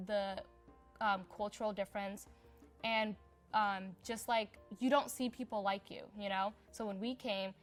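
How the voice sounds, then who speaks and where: A young woman from Somalia talks through her own story in a relaxed interview. Her delivery is casual and unscripted, full of small filler words, at an everyday middle pitch. Faint music plays quietly behind her. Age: young adult. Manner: chatty and unpolished, heavy on filler words. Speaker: interviewee in a community profile.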